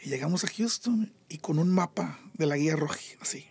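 Gravelly Mexican man telling stories. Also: a little high, brisk, no room sound. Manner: animated, acts out voices in his stories. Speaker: podcast guest, taco shop owner. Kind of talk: storytelling interview.

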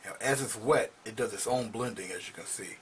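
In a small home studio, a middle-aged painting instructor talks briskly and casually as he works. His relaxed delivery often sinks to a murmur during the brush work, against slight background noise.

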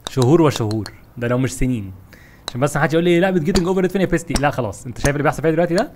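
A young man with an Egyptian Arabic accent, commenting on his gameplay in an animated, frustrated way as he talks to his viewers. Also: a little high, racing, a little hiss or hum. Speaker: gaming YouTuber.

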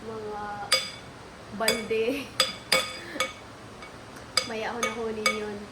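A woman's voice: fairly high pitch, flat delivery, very slow, very noisy. A woman vlogging casually at home, chatting to her viewers about the storm and her family. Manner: chatty, addresses viewers as guys. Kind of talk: casual family vlog chat.

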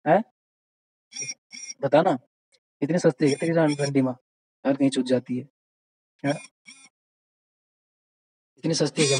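A man's voice: mid-range voice, darkish tone, a little hiss or hum, low-quality recording. A man on a voice call, delivering a heated, aggressive rant full of taunts and insults. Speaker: caller in a group voice call. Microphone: phone on a voice call, screen-recorded.

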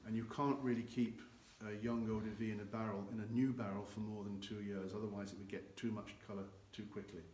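An older man explains cognac aging fast, with hardly any pauses, his low-side voice showing little pitch movement. Acting as a guide, he gestures with both hands in a large, dim barrel warehouse with an earthen floor. A camera a few meters away records him, and the warehouse adds echo and faint noise.

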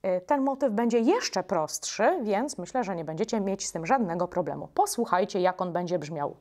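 A woman leading a music workshop for children, giving slow, patient instructions with short pauses. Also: mid-range voice, animated, darkish tone.

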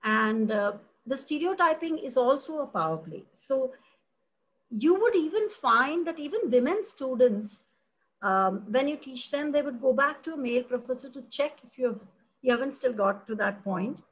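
A middle-aged woman from India talks about her work as a philosophy professor with open passion. Her voice sits high and slightly husky. She is expressive and animated, and she often restarts her sentences. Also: moderate pace, rough recording. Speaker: philosophy professor, interview guest. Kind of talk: passionate conversational interview.

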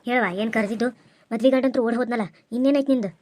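A woman's voice: a little high, fairly even intonation, rapid-fire, a little mellow, natural voice. A woman voicing a greedy, scheming middle-aged village mother, with a North Karnataka Kannada accent and a grumbling manner. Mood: defiant.

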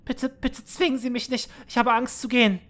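A man's voice: level tone, fairly quick. A man voicing a frightened teenage girl who pleads timidly, reading game dialogue aloud in a let's play. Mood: pleading. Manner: pleading, high and soft.

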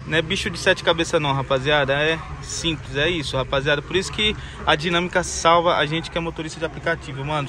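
High-voiced São driver vlogging. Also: male voice, sharp tone. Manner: slangy, calls viewers family and guys. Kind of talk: casual vlog narration. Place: inside and around a car in the city. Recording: noisy car and street recording. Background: street and traffic noise.

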